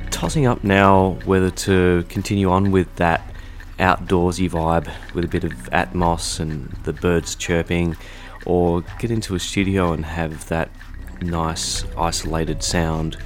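A very low-voiced man introduces his podcast episode in an easygoing, chatty way. He talks from a studio, with faint music in the background. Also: a little slow. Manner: relaxed, conversational, with fillers. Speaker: podcast host. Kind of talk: casual spoken intro and interview. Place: recording studio.

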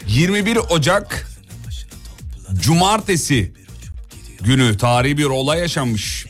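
Lively man reading out news items. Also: on the high side, unhurried, soft background music. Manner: reads out news items, corrects partner. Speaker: radio show host. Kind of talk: casual news chat.

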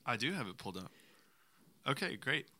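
A man's voice: mid-range voice, very animated, fairly quick, bright, forceful tone. A young man co-hosting a podcast, chatting and joking, then reading aloud and stumbling over words. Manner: joking, reads scripture with stumbles. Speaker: podcast co-host and reader. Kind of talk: casual chat and reading aloud.

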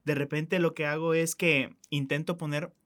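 Higher-voiced man with coastal Mexican accent. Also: little pitch movement, moderate pace, a bit bright. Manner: informal, chips in with asides. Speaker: podcast co-host. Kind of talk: casual chat.

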